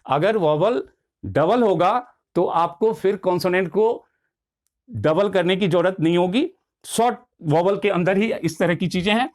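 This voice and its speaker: A man teaching a grammar lesson, explaining patiently and slowing down to spell out words. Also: high voice, darkish tone.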